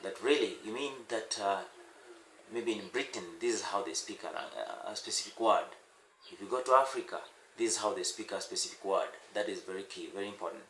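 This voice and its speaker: Here a Swahili-speaking man teaches casually to camera, his fairly low-pitched voice sharp in tone. Nothing is scripted; he repeats himself and pauses with many "uh"s. The recording has room echo and faint noise.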